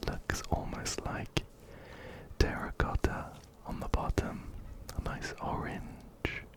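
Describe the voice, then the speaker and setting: An ASMR host playing a video game whispers softly and breathily right up against a binaural mic. He takes his time, gently repeating phrases as he offers soothing commentary on the game.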